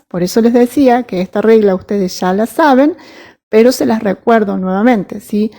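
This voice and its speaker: A woman walks students through English grammar in an unhurried lesson. Her voice is mellow and rounded, and she pauses often to ask whether everyone follows. She reads her English examples out slowly and carefully. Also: medium pitch. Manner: patient, checks understanding with frequent "¿sí?" and "¿mm?". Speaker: English teacher.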